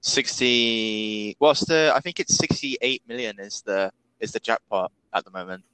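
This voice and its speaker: A man's voice: fairly low pitch, a little slow, bright, forceful tone, clear, resonant tone, no echo, poor audio. A man co-hosting a casual podcast chat, teasing his friend in a playful way. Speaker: podcast co-host.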